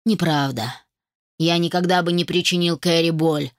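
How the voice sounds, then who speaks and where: A woman's voice: on the low side, steady tone, normal speed, dry recording, clean studio sound, lightly acted. A woman reading an audiobook voices a jealous young man who talks with bitter spite. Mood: aggrieved.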